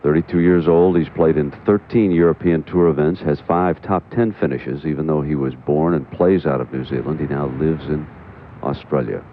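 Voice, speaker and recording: A man's voice: rumbling low, moderate pace. A man anchoring live golf coverage as a commentator, announcing the play. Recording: noisy lo-fi TV broadcast, outdoor ambience.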